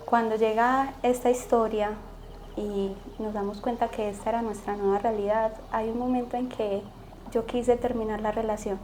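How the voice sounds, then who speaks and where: A woman's voice: on the high side, darkish tone, slight background noise. A young woman from Colombia, a guest telling a personal story, vividly acting out the dialogue.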